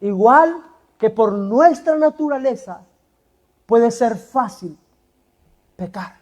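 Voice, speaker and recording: A man preaching a sermon in a church, pressing the congregation with rhetorical questions and forceful emphasis. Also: extremely high pitch, animated, takes it slowly. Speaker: pastor.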